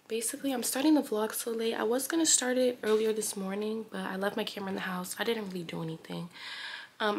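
A chatty young woman talks straight to a camera propped nearby, rambling through her plans with plenty of "um"s and "like"s. Her pitch sits in an ordinary middle range. A faint hum of room noise sits behind her in a small home bathroom. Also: gravelly, a bit bright. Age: young adult. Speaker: vlogger. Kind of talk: casual vlog chat to camera.

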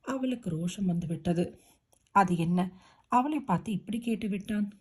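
A woman narrating a romance novel as an audiobook, with steady, expressive storytelling. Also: mid-range voice, moderate pace, husky.

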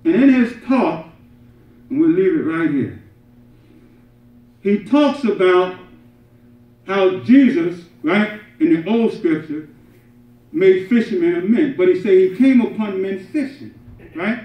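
An animated middle-aged imam delivers a Friday sermon, swinging from loud, emphatic peaks to soft asides and repeatedly asking his seated congregation "right?" His voice is high-pitched, and he speaks slowly with long pauses. The carpeted mosque prayer hall sounds roomy, captured by a distant camera with slightly dull audio.

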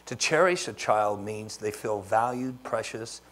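Animated middle-aged male pastor preaching. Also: lowish voice, measured pace. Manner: animated storyteller who acts out dialogue. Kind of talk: sermon.

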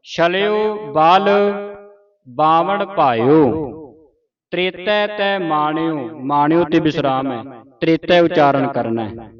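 A man teaching scripture recitation, reading each phrase slowly and correcting how words are pronounced. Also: fairly high pitch. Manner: slow, syllable-by-syllable recitation with pronunciation corrections. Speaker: gurbani teacher. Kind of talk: santhya recitation lesson. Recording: dull audio with a group repeating. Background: a group of students repeating the words.

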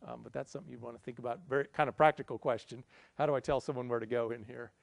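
Middle-aged male presenter, conversational and self-deprecating, ordinary pitch, dry sound. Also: steady tone, very fast, vocal fry, no echo. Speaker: conference presenter. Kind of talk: lecture with audience Q&A. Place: indoor conference room, presenting at a projector screen.

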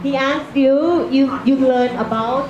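A woman with a Thai accent interpreting in quick, halting English, restarting her words. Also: high voice, fairly even intonation, lo-fi sound, crowd noise. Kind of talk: translating between Thai and English. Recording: echoey room, background noise.

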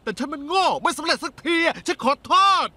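A self-pitying husband. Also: male voice, very high-pitched, brisk, pushed and bright, no echo. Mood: pleading. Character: insecure, apologetic husband who acts for a living. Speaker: husband, an actor. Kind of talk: Thai dub of a TV drama.

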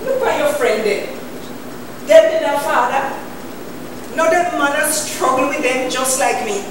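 High-voiced scolding Jamaican mother. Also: unhurried. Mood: bitter reproach. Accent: Jamaican Patois. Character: struggling, scolding mother grieving over her son. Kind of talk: stage monologue. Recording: very echoey, noisy, distant theatre recording.

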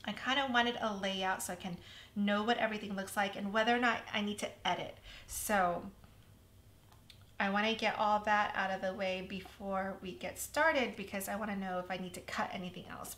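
A woman hosting a casual crafting tutorial, chatty and self-deprecating, with a slightly hoarse voice. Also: mid-range voice, moderate pace, fairly bright tone. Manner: chatty, self-deprecating, laughs at her own mistakes. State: slightly hoarse, losing her voice.

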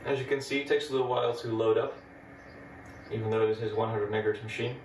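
This retro computing host speaks fast at a medium pitch with a Dutch accent, giving a casual, chatty hardware demo and explaining each step. He's in an echoey room full of old computers, recorded from a distant mic with a little background noise.

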